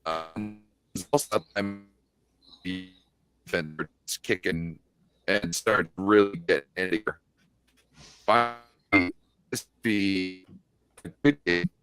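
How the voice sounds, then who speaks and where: A man's voice: sits low, a bit bright, clear, resonant tone, faint music behind. Man on a crackling mic that cuts out. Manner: halting, many pauses and fillers. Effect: microphone cutting in and out, crackling. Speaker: sports podcast panelist. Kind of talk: casual sports chat.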